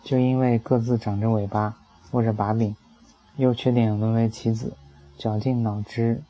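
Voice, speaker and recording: A man's voice: lowish voice, little pitch movement, moderate pace, dark tone, low-quality recording. A man reading a personal essay aloud as an audiobook, telling it in a wry, dry way. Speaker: narrator.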